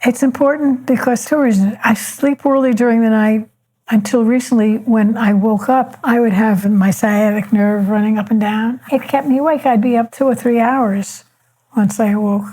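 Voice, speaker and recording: Calm older woman, mellow higher-pitched voice. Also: normal speed, low-quality recording. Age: older, 70s or above. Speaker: elder interviewee. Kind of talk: reflective personal storytelling.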